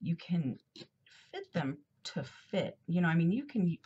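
Her lowish, husky voice has a dark tone and a sing-song lilt at a measured pace. A middle-aged planner vlogger, slightly congested, she rambles casually with fillers and asides while decorating her planner at an indoor desk, recorded lo-fi on an overhead camera.

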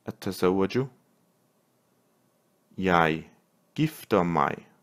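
Deep-voiced man drilling vocabulary slowly. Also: expressive, fairly bright tone. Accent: Danish. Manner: reads each word with pauses and repeats it. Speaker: language teacher. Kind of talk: slow vocabulary drill reading.

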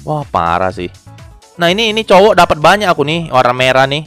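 A man giving casual, excitable commentary on game gacha pulls, groaning, pleading and talking to his viewers. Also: on the high side, fairly quick, faint music behind. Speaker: gaming YouTuber.

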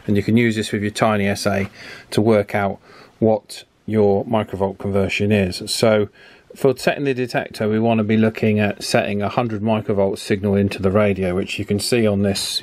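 An electronics hobbyist demonstrates radio alignment at an indoor workbench, thinking out loud in a casual, hands-on tutorial. His fairly low, slightly mellow voice is flat in delivery at a moderate pace, with workbench noise clearly audible behind him.

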